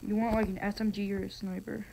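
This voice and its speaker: Quick-paced and creaky, a mid-range voice carries this gaming host's casual, excitable commentary. He leans on slang and lets out frustrated exclamations, over a noisy recording with clicks.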